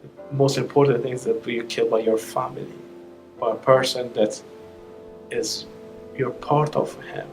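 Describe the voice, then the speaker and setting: A man from Afghanistan, giving halting personal testimony as an interviewee who searches for his words. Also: medium pitch, gravelly, low-quality recording. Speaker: interviewee, asylum seeker.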